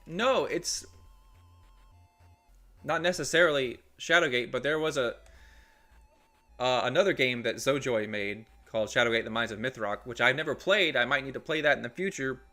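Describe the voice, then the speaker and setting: A man streaming himself playing a video game, commenting excitedly and reading text aloud. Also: mid-range voice, moderate pace, long pauses, faint music behind. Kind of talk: let's play commentary.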